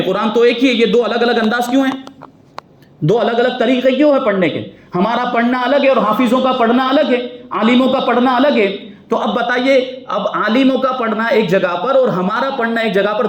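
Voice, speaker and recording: In a mosque, an earnest male mufti with a high voice teaches Quran commentary, pressing his listeners with question after question. The hall lends his voice a roomy echo.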